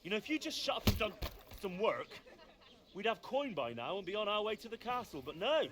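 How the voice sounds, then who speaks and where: An actor playing a sarcastic, blunt young commoner in a video game. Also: male voice, high-pitched, big pitch swings, a little fast, noisy background.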